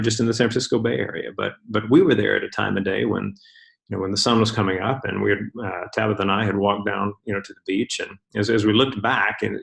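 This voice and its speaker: A man's voice: on the low side, creaky. A middle-aged man giving a casual slide talk to his club, rambling with many fillers and restarts.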